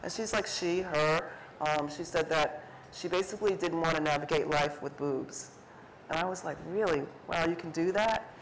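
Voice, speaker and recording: Speaking at a moderate pace in a deep voice, this middle-aged artist sits on a panel at an art fair, talking conversationally to an indoor audience about her photography. She stumbles through fillers and restarts while performing the lines she quotes. The low-quality recording carries a little hiss or hum.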